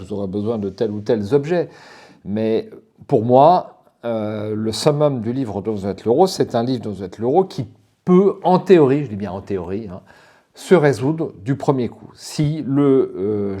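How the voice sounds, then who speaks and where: A man's voice: fairly low pitch, warm tone. A man from France giving a frank, casual spoken review of a gamebook, hesitating with restarts and fillers as he thinks.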